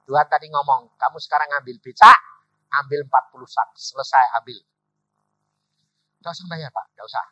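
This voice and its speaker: A man's voice: fairly quick, pauses often, no room sound. A middle-aged man preaching a storytelling sermon, acting out quoted dialogue and often addressing the congregation directly. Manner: animated, acts out quoted dialogue with sudden loud high bursts; addresses the congregation repeatedly as "saudara". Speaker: evangelist preacher. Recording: dull, dry sound.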